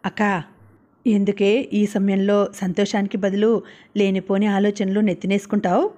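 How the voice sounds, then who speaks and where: A woman narrator voicing a bold, frank young college woman who speaks calmly and firmly, in a storybook. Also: medium pitch, normal speed, lightly acted.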